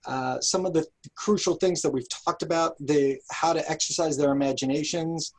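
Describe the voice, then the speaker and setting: Speaking at normal speed in a steady, medium-pitched tone, a children's park director answers an interviewer's questions. The responses are thoughtful and emphatic, delivered earnestly in measured, carefully weighed language.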